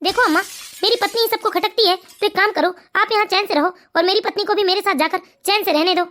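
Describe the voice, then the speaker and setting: Someone voicing a fast-talking cartoon husband. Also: very high voice, sharp tone. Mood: firm. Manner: pleading, hurried questions. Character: earnest grown son and husband. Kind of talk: animated cartoon voice acting.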